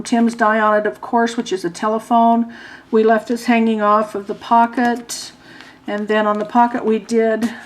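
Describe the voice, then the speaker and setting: A hoarse woman giving a casual craft walkthrough as an instructor, speaking stiffly with a sore jaw and a dry mouth. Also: medium pitch, low-quality recording. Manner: stiff-jawed speech, as with a sore, wired jaw. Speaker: craft class instructor presenting a tutorial.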